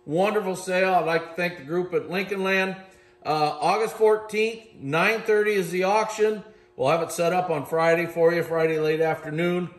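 In a high-pitched voice with a steady tone and moderate pace, a middle-aged man shows off auction items in a large warehouse room. Recorded on a handheld camera, his casual walkthrough is enthusiastic and chatty, praising piece after piece.

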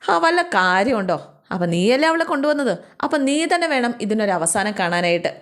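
A woman's voice: medium pitch, very animated, fairly quick. Woman voicing a domineering older woman. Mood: demanding. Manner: sharp demanding questions.

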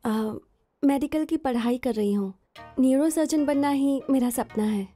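A woman's voice: sits high, measured pace, mellow, soft background music. A woman dubbing a proud, feisty young medical student who speaks firmly and indignantly. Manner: firm and indignant. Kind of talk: film dubbing.

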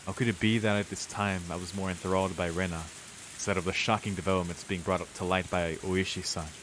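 Clear rain and hiss run under this poor-quality recording of a young let's player narrating a visual novel with offhand reactions. His deep, low voice is a bit bright, his intonation fairly even, and he talks fast.

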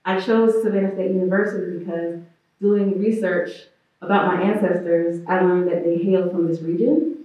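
A woman's voice: on the low side, dark tone. A woman answering on a panel in an earnest, reflective way. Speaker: student panelist. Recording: phone-like, distant and echoey.

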